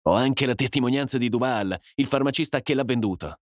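A man's voice: mid-range voice, fairly quick, no room sound, clean studio sound, voice pushed up, natural voice. A man voicing a stern, betrayed husband in his thirties, grave and accusing.

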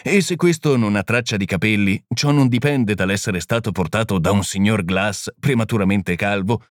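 A man reading the part of a small, gentle priest-detective who explains things calmly and patiently. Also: fairly low pitch, dry recording, clean studio sound, close to an everyday voice. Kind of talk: audiobook reading.

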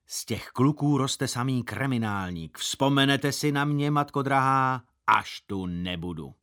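A man's voice: mid-range voice, animated, bright, forceful tone, clean tone. A man voicing a grumpy older male busybody who scolds and threatens the boys. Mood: scolding.

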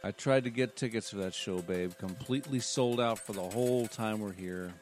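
A man's voice: on the low side, moderate pace, a little mellow, pitched below the performer's own voice, lightly acted. A man voicing an ordinary husband on vacation, easygoing and plain.

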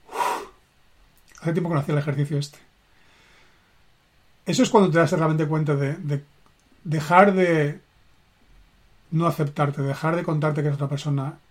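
Earnest Spanish-man, slightly high voice. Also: darkish tone. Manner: earnest, emphatic, with deliberate slow phrasing. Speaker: personal development coach. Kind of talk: motivational live stream talk.

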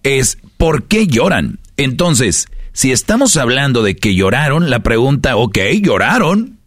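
A man's voice: medium pitch, very animated, a little slow, dry recording, studio quality. A man with a Mexican Spanish accent hosting a casual podcast, lecturing his listeners with rhetorical questions. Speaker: podcast host.

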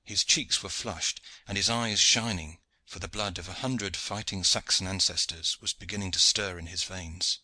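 Low, very bright-voiced male reader. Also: normal speed, hardly any pauses, dry recording. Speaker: audiobook narrator. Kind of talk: scripted narration.

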